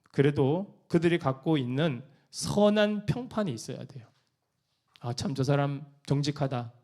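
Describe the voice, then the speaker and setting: A male pastor preaches with an animated, swooping delivery. His voice sits a little high for a man and moves through a wide range as he teaches. Now and then he puts on the voices of quoted church members. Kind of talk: sermon.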